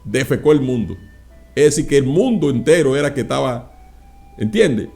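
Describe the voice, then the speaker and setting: A male pastor preaching a sermon, dropping frequent interjections of praise and acting out anecdotes with loud exclamations. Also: mid-range voice, lively intonation, moderate pace, creaky, soft background music.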